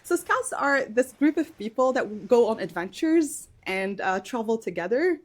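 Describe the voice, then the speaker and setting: A woman's voice: a little high, lively intonation, moderate pace. A woman in her thirties from Morocco, a podcast guest telling her life story casually, with many fillers and small laughs; her first language is Moroccan Arabic.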